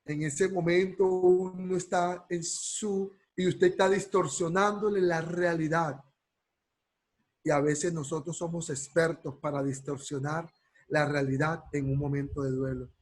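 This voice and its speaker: A man's voice: a little high, steady tone, rough recording. A man teaching a counseling class. He asks rhetorical questions and keeps checking in with his students. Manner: slows right down to stress key words. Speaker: counseling course lecturer. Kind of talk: class lecture.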